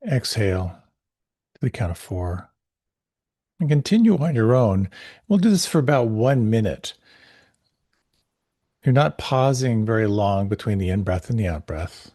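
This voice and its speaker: A man teaching a guided meditation class, giving gentle, unhurried, soothing instructions with pauses. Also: lowish voice, lively intonation, dry recording, clean studio sound.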